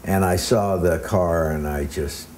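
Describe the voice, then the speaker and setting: This interview guest has a low, slightly mellow voice and talks a little slowly. He tells drawn-out, rambling stories casually, hesitating often with many ums, over slight background noise.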